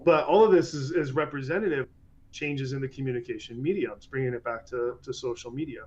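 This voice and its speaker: A man in a casual podcast conversation, talking in an animated way. He often restarts his sentences and mimics other people when he quotes them. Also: mid-range voice, brisk, dull audio.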